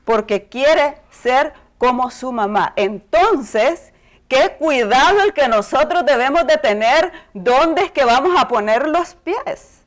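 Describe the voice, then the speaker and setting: A woman's voice: high-pitched, lively intonation, slow. Spanish-speaking woman teaching a Bible class. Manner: tags phrases with ¿verdad?, addresses hermanas. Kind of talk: women's Bible class talk.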